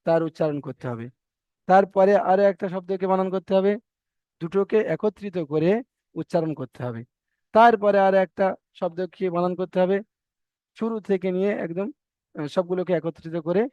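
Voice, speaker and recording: A man's voice: high-pitched, moderate pace, pauses often, mellow, clean tone, dry recording. A man teaching Quran reading in an online class, patiently repeating rules and correcting his students. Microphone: video call. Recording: dull dry online call audio.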